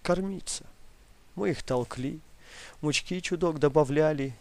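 A man's voice: a little high, unhurried, voice pushed up. A man voicing a wailing old grandmother. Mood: subdued. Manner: wailing, lamenting in her sleep; soft, guilty murmur when awake. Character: old village grandmother, grieving, haunted by wartime hunger. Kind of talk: audiobook reading.

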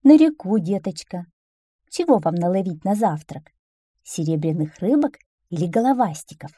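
A caring old mother duck who fusses over her ducklings and warns them gently, voiced by a woman reading a storybook. Her voice is mellow and lilting. The sound is dry and close. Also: fairly low pitch, animated, normal speed, husky, dry recording. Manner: tender and warning.

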